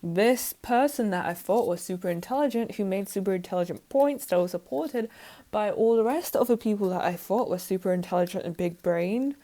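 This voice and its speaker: A woman's voice: mid-range voice, brisk, warm tone. Woman vlogger, casual rambling monologue, self-mocking, plenty of fillers.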